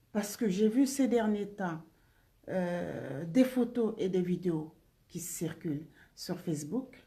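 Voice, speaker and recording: Woman, live-stream chat on a phone, higher voice, slow unhurried delivery, affectionate greetings. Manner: slow, warm, greets viewers by name and blows kisses. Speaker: singer hosting a live stream.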